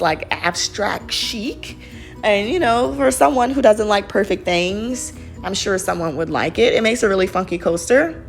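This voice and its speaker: A young woman, chatting and rambling in a casual voice-over about her crafts. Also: lowish voice. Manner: chatty and rambling, lots of fillers. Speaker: craft vlogger. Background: faint background music.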